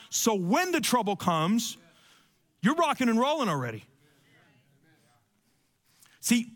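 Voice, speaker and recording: A male preacher with a high voice delivers a conversational sermon. He is emphatic and repeats key phrases for effect. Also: a bit bright.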